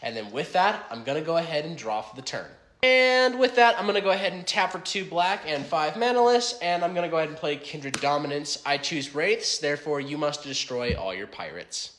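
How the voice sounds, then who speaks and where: Man acting a higher-pitched, smug card player. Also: animated, brisk, hardly any pauses, a bit bright. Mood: smug, matter-of-fact. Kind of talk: comedy skit, explaining card game moves.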